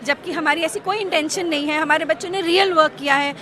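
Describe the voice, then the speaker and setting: A woman's voice: high-pitched, quick pace. A woman professor answering reporters earnestly and defensively, slipping into English phrases. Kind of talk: press statement to reporters. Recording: loud crowd behind.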